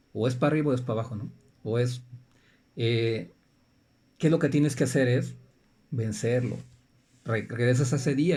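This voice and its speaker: Man, warm low-key tone, chatty health talk, checks in with "right?", restarts phrases. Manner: conversational, keeps checking in with "right?"; repeats and restarts phrases while explaining. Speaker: natural health presenter. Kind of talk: informal health talk to viewers.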